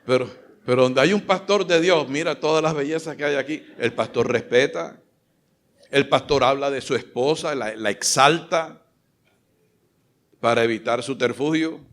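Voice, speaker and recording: Fervent pastor preaching. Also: male voice, mid-range voice, moderate pace. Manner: fervent preaching, swings between loud exclamations and soft asides. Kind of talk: sermon.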